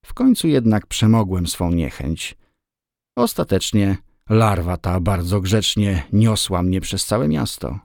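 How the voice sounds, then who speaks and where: A man giving a steady, measured scripted audiobook narration. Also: deep voice, creaky, no room sound, clean studio sound.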